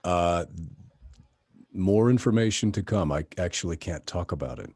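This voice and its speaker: Middle-aged guy, low husky voice, easygoing, lots of uhs, dry close sound. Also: moderate pace, no room sound. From Tucson, Arizona area. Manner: relaxed, hesitant, many fillers and restarts. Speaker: voice actor guest. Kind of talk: casual interview chat.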